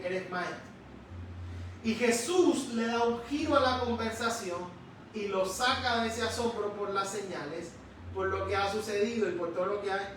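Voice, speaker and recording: A man preaching a sermon in a church, slowly and emphatically, stretching out key words. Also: high-pitched, fairly bright tone, a little hiss or hum. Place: church sanctuary. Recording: echoey church hall, distant mic.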